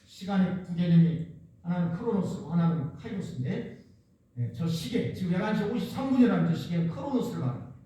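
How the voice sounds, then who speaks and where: A man's voice: high voice, lively intonation, a little fast, mellow. A man from the Jeolla region preaching a sermon, emphatic and repetitive, with many rhetorical questions. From Jeolla region, Korea. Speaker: pastor. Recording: echoey church hall, distant mic.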